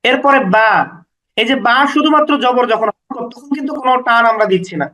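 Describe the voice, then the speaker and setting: In a fairly quick, low-quality recording, a man with a very high, bright, forceful voice teaches recitation rules step by step. He patiently works through them one after another, repeating each point and drawing out the example sounds, and stays even throughout the lesson.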